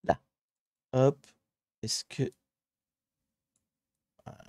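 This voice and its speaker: Guy streaming a map puzzle, mellow voice, chatty and a bit fed up, dry close mic. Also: very slow, no echo. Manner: chatty, talks to chat while searching maps, mildly exasperated. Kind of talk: live-streamed geography puzzle commentary.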